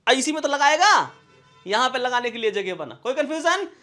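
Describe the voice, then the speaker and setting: A man leads a classroom-style computer lesson, his voice sitting unusually high. He asks quick check questions again and again to make sure everyone follows. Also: very animated, sharp tone, faint music behind. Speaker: computer teacher.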